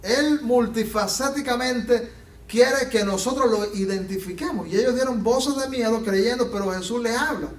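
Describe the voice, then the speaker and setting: A man preaching a sermon as pastor, animated and acting out the Bible scenes he tells. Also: very high-pitched, moderate pace. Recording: echoey room from a distance.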